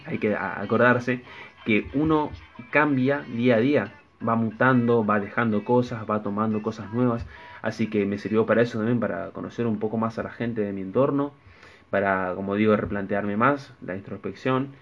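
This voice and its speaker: Reflective man on a lo-fi podcast. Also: lowish voice. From Argentina. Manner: reflective, thoughtful. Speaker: podcast guest. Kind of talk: casual podcast chat. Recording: dull lo-fi audio with faint music.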